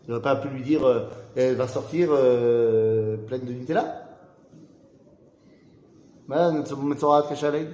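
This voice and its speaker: A man's voice: mid-range voice, unhurried, long pauses, mellow, roomy sound, dull audio. A man teaching an interactive Torah class, putting questions to the group and acting out the people he quotes.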